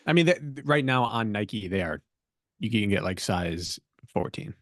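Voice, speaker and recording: A man's voice: on the low side, expressive, moderate pace, no room sound. Joking man on a dry podcast mic. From middle of America. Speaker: podcast co-host. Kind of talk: casual chat.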